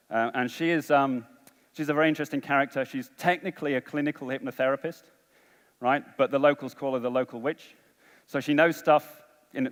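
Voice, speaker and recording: A man giving a conference talk, coaxing and rallying a large audience through a game. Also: mid-range voice. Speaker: conference speaker. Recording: long hall reverb.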